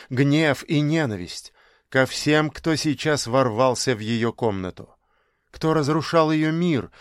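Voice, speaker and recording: A man narrating a novel in an even, measured reading. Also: mid-range voice, smooth, dry recording, clean studio sound. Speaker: audiobook narrator. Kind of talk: scripted narration.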